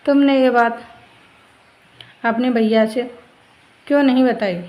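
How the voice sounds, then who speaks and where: A woman's voice: a little high, steady tone, slow pace, warm tone, rough recording. Nisha, a woman voicing a hurt, stern young wife. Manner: stern, firm.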